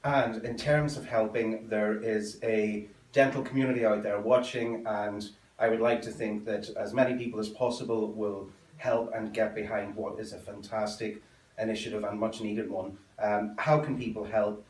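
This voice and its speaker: A man with a lowish voice hosts a sofa interview, asking earnest, measured questions. He sits back from the mic in a bare, echoey room. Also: level tone, darkish tone, recorded from a distance. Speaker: host.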